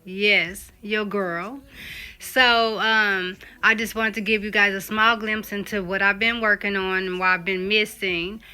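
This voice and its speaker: A woman's voice: medium pitch, fairly even intonation, unhurried, pushed and bright, clear, resonant tone. A woman hosting a casual vlog, chatting to her viewers in a gushing, proud makeover-reveal manner. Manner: chatty, addresses viewers as guys. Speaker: vlog host. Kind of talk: casual vlog intro to camera.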